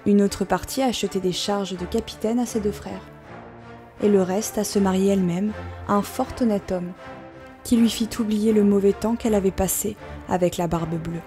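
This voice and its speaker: Woman narrating a fairy tale over music. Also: mid-range voice. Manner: measured, expressive reading.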